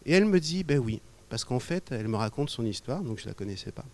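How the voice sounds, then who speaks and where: A man from Normandy preaching to his congregation, a pastor who tells stories in a loose, conversational way and often drops to quiet asides. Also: mid-range voice, very animated, fast talker. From Normandy, France. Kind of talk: sermon with storytelling. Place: church.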